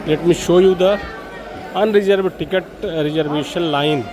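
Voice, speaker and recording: A travel vlogger with an Indian accent walks through a public railway station, offering casual commentary that is hesitant and repetitive. His pitch is fairly high and his speed normal. The recording carries the noise of station crowds and vehicles.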